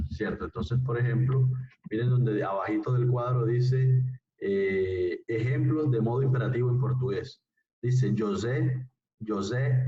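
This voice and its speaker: Male teacher, patient and repetitive, mid pitch, recorded off-mic in an echoey room. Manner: patient, repeats phrases, checks understanding with tag questions. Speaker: Portuguese language teacher. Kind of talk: classroom lesson. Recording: distant, roomy, dull sound.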